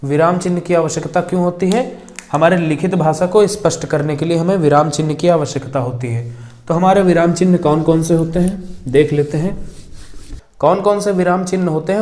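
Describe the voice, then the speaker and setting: A young male teacher gives a grammar lesson at a board. His voice sits somewhat high, and he dictates slowly, saying each word again as he writes it down. He keeps asking questions and then answering them himself. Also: a little mellow. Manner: slow dictation, repeating words as he writes.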